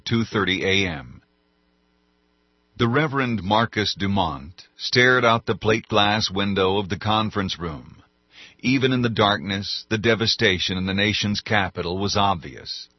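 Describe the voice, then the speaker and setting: A male narrator reading an audiobook at a measured, even pace. His voice is low and husky. The recording sounds dry and a little dull. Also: dry recording. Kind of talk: scripted narration.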